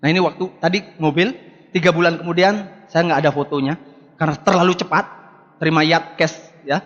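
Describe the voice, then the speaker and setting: A man's voice: a little high, fairly even intonation, a little fast, fairly bright tone. A man in his forties giving an emphatic seminar speech to a live audience, repeating rallying words and addressing the crowd directly. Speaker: motivational business speaker. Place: large hall with live audience. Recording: echoey hall, dull lo-fi sound.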